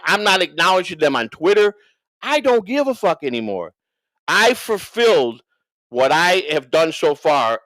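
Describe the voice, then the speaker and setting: On an unscripted livestream, a male co-host rants and banters off the cuff, swearing, rambling, and repeating himself for emphasis. His voice is a little high and a bit bright. The recording is rough but has no echo.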